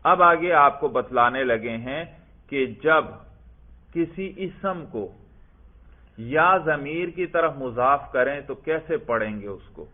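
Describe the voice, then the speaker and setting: A man's voice: mid-range voice, expressive. Man teaching over a tinny recording. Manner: asks questions and answers them himself. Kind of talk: classroom grammar lesson. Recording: tinny phone-like lecture recording.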